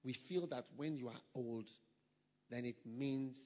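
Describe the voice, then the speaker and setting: In a dull recording with long hall reverb, a man's mid-range voice delivers a sermon unhurriedly. The pastor is emphatic and repeats himself, his volume surging abruptly.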